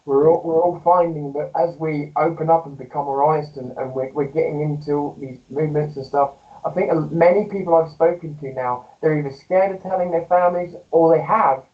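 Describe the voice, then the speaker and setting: A man interviewing someone, speaking gently and reassuringly, often stammering as he restarts sentences. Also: on the high side, a little fast, hardly any pauses. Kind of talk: candid interview talk. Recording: dull, distant mic.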